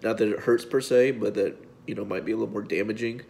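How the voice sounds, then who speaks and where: A man, a physique coach giving a heartfelt personal video update, halting and fighting back tears. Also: lowish voice, creaky, a little mellow, slight background noise. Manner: halting, repeats words, speaks from the heart. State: tearful, voice breaking at times.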